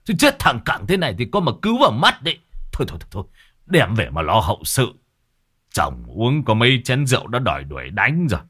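Guy doing a grumpy village chief, bossy and crude, bright sharp voice, swings up and down. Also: mid-range voice, huge pitch swings, fast talker, full character voice. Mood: irritable scolding. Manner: gruff, irritable, blunt scolding. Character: gruff middle-aged village chief, irritable and crude.

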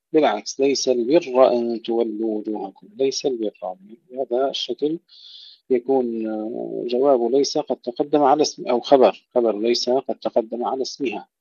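Man, Quran recitation teacher, tajweed lesson, slow recited examples, plain explanation, dry dull lo-fi sound. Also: medium pitch, a little mellow, no echo. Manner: recites verses slowly, then explains rules plainly; addresses listeners as brothers.

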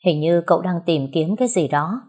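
A woman voicing a smooth, flattering old official. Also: a little high, fairly quick. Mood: courteous. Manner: effusive, flattering. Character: smooth older rural official, courteous host.

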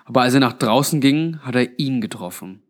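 In a narrated story with a grim, sad mood, a man voices a weary, blunt old undead man who is grave and resigned. His voice is medium in pitch, expressive and a little fast, close to an everyday voice.

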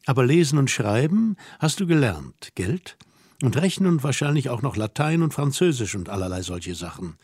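A man reading an audiobook voices a young woman who teases and orders her companion about, asking brisk, mocking questions. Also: medium pitch, sing-song, a little mellow, slightly rough, no room sound, clean studio sound. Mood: scolding. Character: young woman, teasing, bossy and self-assured. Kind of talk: audiobook dialogue.

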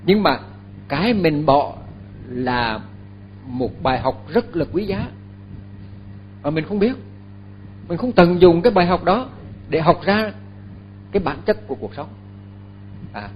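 An older Buddhist monk, giving a dharma talk. His voice sits fairly high for a man, and he speaks slowly, pausing and repeating words as he goes. A faint hum lies beneath his voice. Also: dull audio. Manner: unhurried, halting, with many fillers and repeated words.

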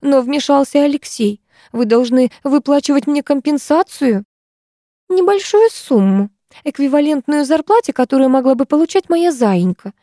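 A woman's voice: expressive, moderate pace, dark tone, no echo, clean studio sound. A woman voicing a self-pitying, grasping poor widowed mother who whines and wheedles. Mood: whining. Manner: whining, self-pitying, shrill.

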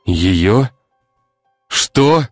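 A man's voice: on the low side, animated, very slow, dry recording, studio quality, soft background music, voice pushed up. A man voicing a weary, troubled man who speaks curtly and sighs. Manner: gruff, sighing, curt.

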